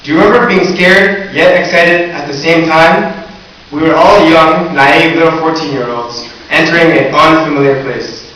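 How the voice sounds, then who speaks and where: A teenage valedictorian gives his graduation speech in a slightly high, sharp voice at a normal speed, earnest with a joking touch. He's recorded from far off in the audience in a large, echoey hall or gym, with hiss on the track.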